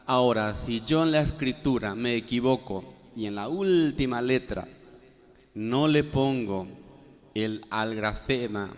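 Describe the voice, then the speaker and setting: A man giving a classroom lecture, spelling out letters one by one with many "eh" fillers. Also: medium pitch. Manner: explanatory, spells out letters one by one, frequent "eh" and "este". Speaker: guaraní language teacher. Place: classroom with students. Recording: long reverb in a hall.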